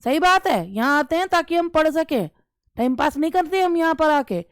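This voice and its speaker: A woman teaching an English grammar lesson for exam preparation. She reads questions out slowly, explains them quickly, and answers her own questions, with an Indian accent. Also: high voice, big pitch swings, dry recording.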